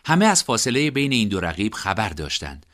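A man narrating an audiobook in an expressive storytelling manner. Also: lowish voice.

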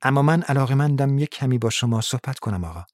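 A man voicing a suave, polite, menacing middle-aged gangster who speaks softly and draws his words out. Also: medium pitch, animated, no room sound, studio quality, natural voice. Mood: quietly menacing.

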